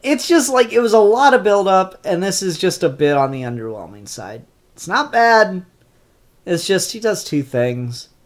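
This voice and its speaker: In a casual spoken review of new comic issues, the speaker's voice is medium-pitched, sing-song and moderately paced. He sounds congested and stuffed-up, delivering things offhandedly with lots of ums and restarts.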